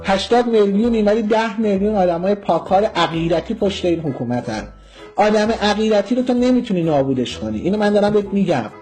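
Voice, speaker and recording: A man's voice: high voice, animated, a little mellow, soft background music. A man from Iran giving an impassioned political monologue, vehement and scornful, lecturing his listeners. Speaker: political commentator.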